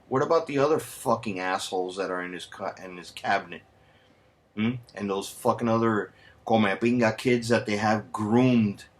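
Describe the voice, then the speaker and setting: A man from the United States vlogs a heated, sarcastic rant, swearing constantly and throwing in Spanish slang. His voice is lowish with a fairly bright tone.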